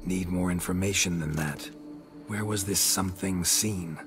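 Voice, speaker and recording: A world-weary monster hunter in a fantasy role-playing game, speaking in clipped, dry, sardonic lines. His voice is remarkably deep and low. Faint music plays behind him. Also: unhurried. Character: gruff world-weary male monster hunter, middle-aged. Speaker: witcher taking a contract.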